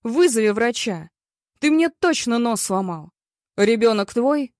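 A woman's voice: fairly high pitch, lively intonation, unhurried, a little mellow, no room sound, clean studio sound. A woman voicing a crude, angry young man who snarls and swears through a fight in an audiobook.

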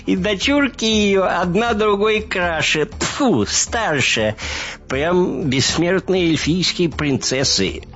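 A man's voice: on the low side, very animated, slow, heavily acted. A man voicing a giddy, delirious man who giggles and rambles. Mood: rambling. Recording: muffled recording with soft music.

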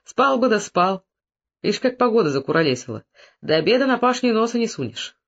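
Man doing a kindly old peasant father, homespun, fairly high voice, muffled audio. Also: sing-song, fairly quick, creaky, a bit bright, full character voice. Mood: easygoing. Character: older peasant father, calm and fair.

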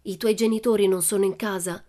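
A woman's voice: medium pitch, fairly even intonation, a little fast, warm tone, pitched above the performer's own voice, close to an everyday voice. A woman doing a whispering sneaky burglar. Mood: sneaky muttering. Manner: whispered, muttering.

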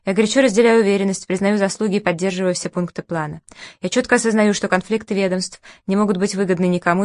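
A woman narrating an audiobook in an ironic, even storytelling manner. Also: medium pitch, no room sound, clean studio sound.

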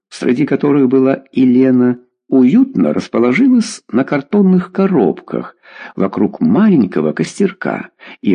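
A man narrating a story aloud in an expressive, measured manner. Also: medium pitch, gravelly, slightly rough. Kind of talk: audiobook narration.

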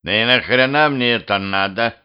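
A man's voice: mid-range voice, moderate pace, smooth, close to an everyday voice. Man voicing a cheeky panicky guy, whining, blustering, muffled home audiobook.

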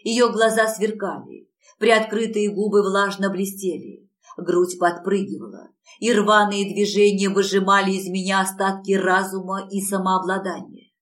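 A woman reading a first-person romance audiobook in a soft, intimate, unhurried way. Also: mid-range voice, steady tone, poor audio. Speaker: audiobook narrator.

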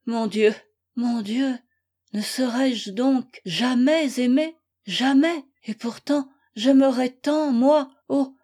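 A woman's voice: a little high, measured pace, dark tone. A woman voicing an anguished young wife. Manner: pleading, tearful prayer. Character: anguished young wife who believes she is ugly. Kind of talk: audiobook reading.

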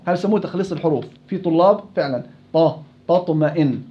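A man teaching Quran recitation rules to students in a classroom. He corrects them, repeats syllables to demonstrate each sound, and recites verses slowly. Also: fairly high pitch. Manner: slow, drawn-out recitation of verses. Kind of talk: tajweed lesson with students. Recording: dull lo-fi recording.

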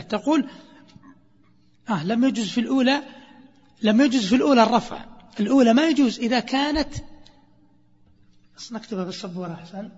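A man's voice: sits high, slightly rough. Man quizzing his grammar class. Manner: quizzing students, drawing out phrases slowly. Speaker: teacher of Arabic grammar. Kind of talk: classroom lesson with students. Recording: muffled lecture recording in a reverberant hall.

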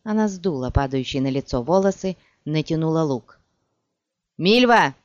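A man reading a fantasy audiobook aloud in an animated storytelling manner. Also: a little high, brisk, dry recording. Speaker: audiobook narrator. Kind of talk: scripted fantasy narration. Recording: dull dry lo-fi recording.

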